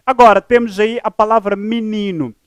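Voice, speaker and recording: A man teaching a live grammar lesson, slow and deliberate, spelling words out syllable by syllable in a formal tone. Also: high voice, steady tone, clear, resonant tone, no room sound, studio quality. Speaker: teacher presenting a live program.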